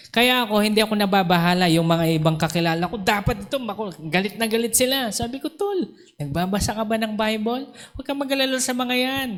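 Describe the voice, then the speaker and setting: A pastor with a high-pitched voice preaches to his congregation and acts out both sides of the conversations he retells. His voice rings through a church hall with long reverb. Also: a bit bright. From Philippines. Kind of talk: Taglish sermon with storytelling. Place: church sanctuary.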